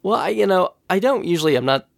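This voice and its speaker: A podcast host with a cold tells stories fast and casually, his voice sitting high with vocal fry and a slightly nasal, scratchy edge. He laughs often and retells things with animation, captured as clean studio sound without echo.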